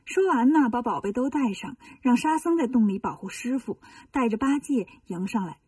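A woman narrating a children's story in a lively, folksy way. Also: a little high, normal speed, slightly rough, dry recording, recorded from a distance.

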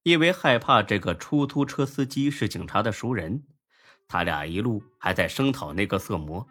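A man narrating an urban novel as an audiobook, telling it in a lively, wry storytelling manner. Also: on the low side, moderate pace. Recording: faint background music.

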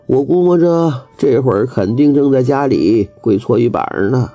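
A male storyteller voicing a lazy, drowsy young man who mumbles slowly as if half asleep. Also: mid-range voice, expressive, mellow. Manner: slow, mumbling, yawning, indifferent.

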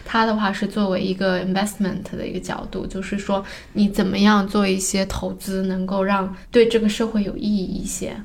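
Flat, gravelly woman hosting a chat. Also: medium pitch, a little fast, few pauses. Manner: brief interjections, finishes guests' thoughts. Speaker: podcast host. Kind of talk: casual chat.

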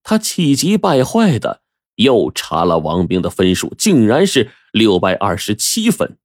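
Brief: male storyteller, husky, very expressive pitch. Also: no echo, studio quality. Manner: lively, with drawn-out sentence endings. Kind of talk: storytelling narration.

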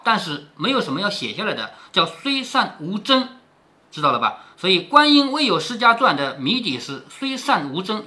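Lively, bright-voiced man explaining a story. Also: sits high. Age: middle-aged. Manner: explains in plain talk, often asking "right?". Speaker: storyteller reading a classic novel to his daughter. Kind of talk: reading aloud with explanatory asides.

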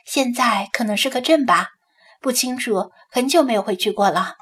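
A wistful young woman reporter from a storybook, speaking softly and ruefully, as a woman narrator puts her on. Her voice sits a touch high and comes out breathy. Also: moderate pace.

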